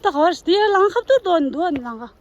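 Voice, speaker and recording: A woman's voice: very high voice, expressive, brisk, lo-fi sound. A young woman vlogger chatting casually on a trip outdoors, exclaiming and laughing often. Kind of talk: casual travel vlog chat.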